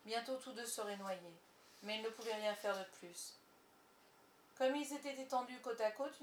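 A woman reading a children's story aloud, expressive and measured. Her voice sits at a middle pitch, with a faint hiss in the background. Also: echoey room. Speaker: narrator.

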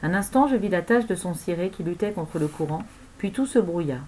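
A woman narrating a novel aloud in an expressive storytelling manner. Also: on the low side, a little fast, slight background noise, rough recording. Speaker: audiobook narrator.

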